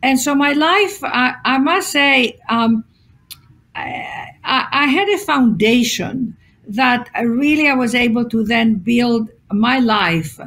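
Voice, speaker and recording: A woman's voice: fairly high pitch, slow. A woman speaks as a podcast guest, her voice sitting a little above the usual for a woman. She tells her stories expressively and slips into the voices of the people she quotes, with plenty of ums and restarts along the way. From Greece. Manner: expressive storyteller acting out quotes, many fillers. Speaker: guest author. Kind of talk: conversational podcast interview.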